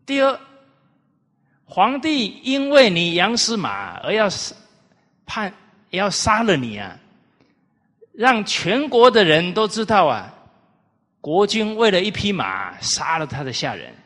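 A man's voice: high voice, huge pitch swings, slow pace, long pauses, fairly bright tone, pitched above the performer's own voice, full character voice. A man voicing a shrewd ancient male minister who scolds a servant in a mock-stern, emphatic way, listing charges one by one. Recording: reverberant hall.

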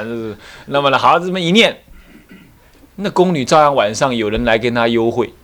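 A man's voice: mid-range voice, bright, forceful tone. A man, a Buddhist abbot giving a dharma talk, telling a story with rhetorical questions and acted-out voices.

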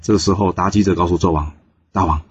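Deep-voiced man telling a story. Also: quick pace, slightly rough. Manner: lively, switches voices for each character. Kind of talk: storytelling narration with voiced dialogue. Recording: dull lo-fi recording with faint background noise.

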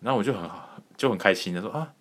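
A man's voice: low voice, very fast, fairly bright tone. A male podcast host with a Taiwanese Mandarin accent, chatting casually and crudely, laughing often and stumbling into restarts.

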